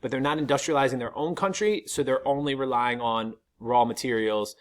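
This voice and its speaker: A man's voice: mid-range voice, a little fast. American man giving an informal history lesson. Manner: explanatory, colloquial, frequent "like" asides. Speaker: history teacher. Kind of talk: informal video lecture over slides.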